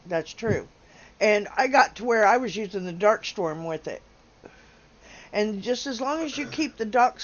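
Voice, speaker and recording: Slow, chatty woman hosting a stream. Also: medium pitch, dull audio. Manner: chatty, laughs often, stumbles over names. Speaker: livestream host. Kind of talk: casual game livestream commentary.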